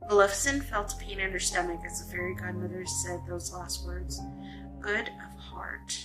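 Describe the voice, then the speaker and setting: A woman reading a novel aloud in a smooth, expressive storytelling voice. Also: fairly low pitch, brisk, over music, rough recording.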